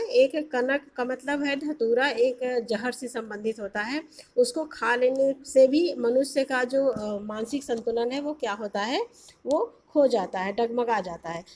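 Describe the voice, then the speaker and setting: A woman teacher explaining a lesson, posing questions to her students and pausing with fillers. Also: on the high side, slight background noise.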